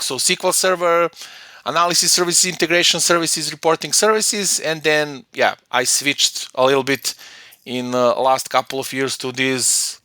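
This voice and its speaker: Bright-voiced man, dry close mic. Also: fairly high pitch, dry recording. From Serbia. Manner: hesitant, many fillers and restarts. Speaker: guest, data platform consultant. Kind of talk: conversational interview.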